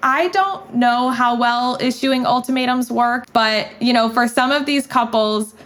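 A woman's voice: on the high side, a little slow, fairly bright tone. A woman as a podcast guest, chatting casually and sharing frank opinions with easy laughs. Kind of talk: casual chat.

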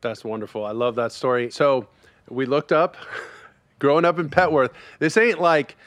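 A man hosts a casual podcast interview with friendly, chatty energy. His voice sits in a middle pitch and sounds dry and close, with no room around it. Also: steady tone, normal speed, a bit bright, no room sound. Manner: upbeat, chatty, friendly questioning. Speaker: podcast host.

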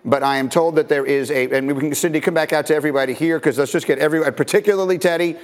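A man hosting a live sports talk show, brisk and steering the conversation. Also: a little high.

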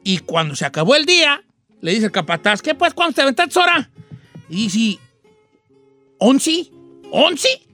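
A man's voice: very high-pitched, very animated, a little slow, pauses often, sharp tone, soft background music, full character voice. A man with a Mexican accent playing a folksy old rancher who hosts a radio show and tells a rambling, slangy joke, acting out voices and axe sounds. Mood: playful.

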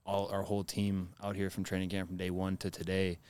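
A man's voice: low voice, brisk, clean tone. A man, a football player, chatting casually on a podcast and telling stories with energy. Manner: animated storytelling, laughing.

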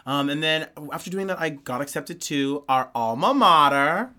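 A man's voice: on the high side, animated, normal speed, pushed and bright. A man in his thirties from the Bahamas, chatting animatedly as an interview guest in a theater basement, full of "like" and "you know what I'm saying". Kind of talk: casual interview chat.

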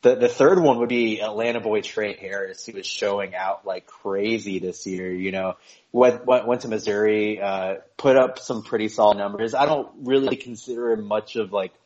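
A man's voice: fairly low pitch, normal speed, darkish tone. A man co-hosting a sports podcast, chatting eagerly and joking as he talks. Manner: enthusiastic, chatty, jokes and self-censors. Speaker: podcast co-host. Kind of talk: casual podcast chat. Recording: dull lo-fi sound.

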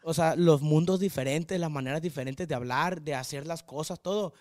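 A young man with a thick Sinaloan accent rambles energetically as a podcast guest, his voice sitting fairly high. The sound is dry and close, with no room around it. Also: no echo. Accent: northwestern Mexican, Sinaloa. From Mazatlán, Mexico. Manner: energetic, hyperactive, rapid rambling talk. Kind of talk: casual chat.

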